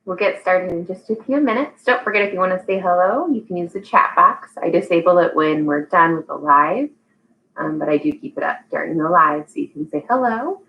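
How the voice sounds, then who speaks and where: This woman, an early childhood teacher, hosts a live storytime for young children, speaking encouragingly and slipping into a sing-song tone when she leads activities. Her voice is on the low side and a little fast. The audio has the highs cut off and carries a slight hiss or hum.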